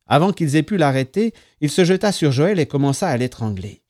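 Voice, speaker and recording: A man reading a story aloud as narrator, calm between the voices. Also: on the high side, a little fast, no room sound, clean studio sound. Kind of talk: audiobook narration.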